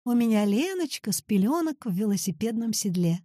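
A woman reading as a spry old grandmother with a raised, bouncy voice. She is playful and proud of herself, and her tone stays mellow and a little husky. The recording is dry and close. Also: a little high, brisk, dry recording. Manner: lively, playful, boastful.

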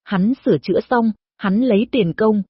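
Husky woman narrating a dramatic story. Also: medium pitch, dry recording. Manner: slow, dramatic, emotive storytelling. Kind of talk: scripted audio story narration. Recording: dull lo-fi recording.

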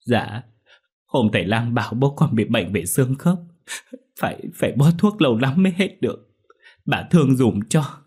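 A man's voice: medium pitch, animated, normal speed, a little mellow, slightly rough, voice pushed up. A man doing a tearful young village woman begging. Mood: pleading. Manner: pleading, tearful.

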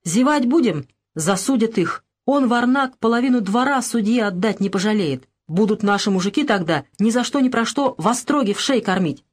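A woman's voice: fairly high pitch, expressive, normal speed. A woman voicing a proud, stubborn old village grandfather who answers firmly and indignantly, in a spoken storybook. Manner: firm, indignant, calling out.

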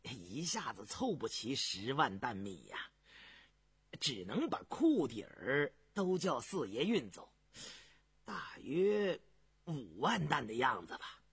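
A man voicing a fawning, nervous imperial grain official who grovels and stammers, with a husky voice. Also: mid-range voice, big pitch swings, slow pace, fairly bright tone, no echo, voice pushed down, heavily acted. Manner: obsequious, stammering when flustered.

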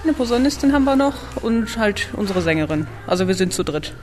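A woman in her twenties, a saxophonist in a youth big band, talking in a relaxed, casual way in an interview. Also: mid-range voice, quick pace. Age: 20s. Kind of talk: interview answers.

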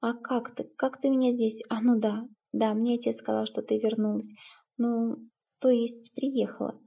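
A woman voices a warm-hearted young man in this spoken storybook, eager and reassuring, speaking in quick bursts. The voice is husky and gravelly, with a mellow, dark tone. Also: a little high, level tone. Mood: earnest. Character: young man, cheerful, warm, earnest stepson.

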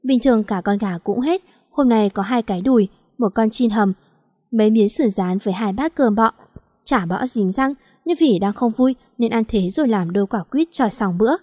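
A woman's voice: on the high side, moderate pace, darkish tone, no room sound, studio quality. A woman narrating a first-person story in a chatty, sassy, colloquial way.

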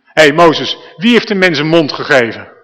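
A man's voice: a little high, expressive, normal speed, a bit bright. A man voicing God as a patient figure who talks in casual, everyday words. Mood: plain, insistent. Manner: casual everyday speech, like a friend. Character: patient, frank God speaking plainly. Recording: reverberant church hall.

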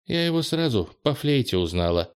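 A man doing a gentle young girl. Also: mid-range voice, very animated, moderate pace, clear, resonant tone, voice pushed up.

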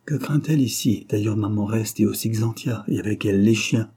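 A man voicing a brave young mother in a storybook, firm and resolute. The voice stays husky and dark, close to the reader's own. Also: lowish voice, fairly quick.

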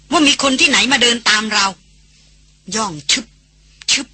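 A reader voicing a frightened male forest tracker who speaks in a shaky, hoarse whisper. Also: mid-range voice, voice pushed up, full character voice. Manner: hushed, urgent, pleading.

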